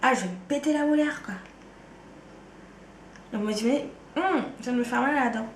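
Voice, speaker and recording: Brisk and on the high side, a woman beauty vlogger with a hint of Ardennes French accent runs through her favourite things in a relaxed, slangy chat to camera, letting sentences trail off with "quoi." There's reverberation and slight background noise.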